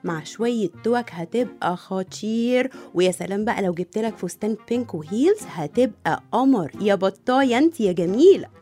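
A woman's voice: medium pitch, lively intonation, fairly quick, warm tone, soft background music, lightly acted. A woman voicing a teasing playful sister. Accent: Egyptian Arabic. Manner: teasing, affectionate.

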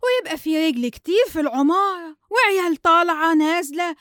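A bossy Egyptian troublemaker in a radio serial. Her high voice is demanding and full of complaint, captured very dry. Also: expressive, brisk, fairly bright tone, dry recording. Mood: complaining. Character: bossy, mischief-loving Egyptian woman plotting neighbourhood quarrels. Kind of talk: Egyptian radio comedy drama acting.

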